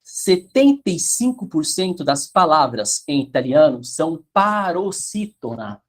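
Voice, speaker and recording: A man's voice: fairly high pitch, sing-song, measured pace. A man teaching Italian pronunciation in an online class, explaining with a sing-song lilt and checking the chat.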